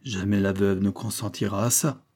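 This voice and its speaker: A man voicing an awkward, embarrassed uncle in a storybook reading, speaking hesitantly. The voice is low and dark with a soft, mellow tone. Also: steady tone, normal speed, natural voice.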